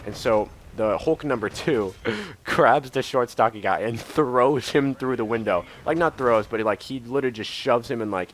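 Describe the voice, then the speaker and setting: A man's voice: mid-range voice, moderate pace, slight background noise. A young man from Idaho casually telling a rambling story over video game footage, full of filler words and swearing. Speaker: YouTuber.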